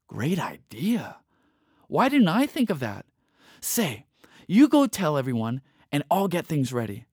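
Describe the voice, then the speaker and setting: Male reader voicing a vain storybook coyote: high, lively and smug, close and dry. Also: measured pace, breathy edge, dry recording, full character voice. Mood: eager. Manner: self-satisfied, showy.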